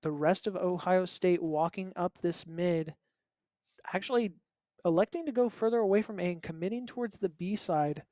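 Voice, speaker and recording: A young man casting a college esports match as play-by-play commentator, calling the action quickly with joking asides. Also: high voice, darkish tone, no room sound. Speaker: esports caster.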